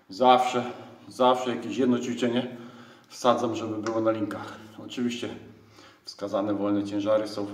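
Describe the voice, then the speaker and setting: A middle-aged man talks through his workout in a small home gym, upbeat and chatty. He is picked up by a camera mic set back from him, so his voice sounds a little distant. The hard walls give it a roomy ring. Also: medium pitch. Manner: chatty, upbeat, breaks off with loud exclamations between sets. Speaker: fitness vlogger. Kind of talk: casual workout vlog.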